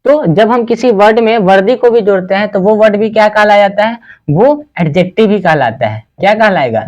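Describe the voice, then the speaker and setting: Male English teacher, quizzing his class, questions and answers, letters spelled out slowly, close mic. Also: high-pitched, expressive, darkish tone. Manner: asks the class questions and answers them himself. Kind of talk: spoken English lesson in Hindi.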